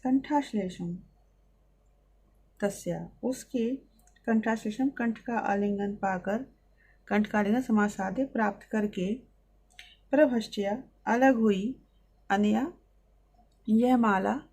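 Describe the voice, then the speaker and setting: A woman teacher reading Sanskrit lines and explaining each one, in a steady line-by-line lesson. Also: medium pitch, takes it slowly, long pauses, slightly rough.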